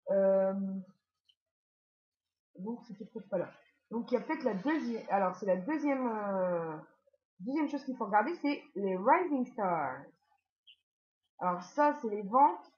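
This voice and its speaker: A woman's voice: fairly high pitch, lo-fi sound. A woman hosting a casual tutorial, chatty and full of fillers and asides. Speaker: YouTube tutorial host. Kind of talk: casual screen-walkthrough tutorial.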